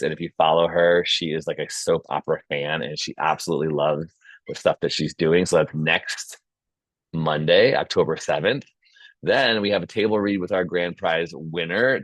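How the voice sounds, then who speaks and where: A man with a deep voice, recorded with no room sound, casually hosts an online video meeting. He is the host and founder of a film community and comes across as informal and chatty, with a promotional slant.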